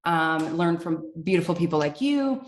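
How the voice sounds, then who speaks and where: A woman's voice: on the low side, expressive, moderate pace, echoey room. A woman guest in an interview, speaking chattily with frequent filler sounds. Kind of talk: casual interview answer.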